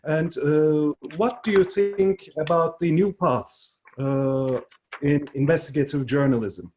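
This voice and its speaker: A man moderating a panel discussion, halting as he searches for words. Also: a little high, darkish tone, slight background noise.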